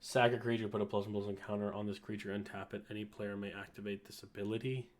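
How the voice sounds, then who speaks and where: A man's voice: lowish voice, little pitch movement, fast, a little hiss or hum. A man going through a card list in casual commentary, reading rules text and reacting in an offhand, dry way. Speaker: card reviewer.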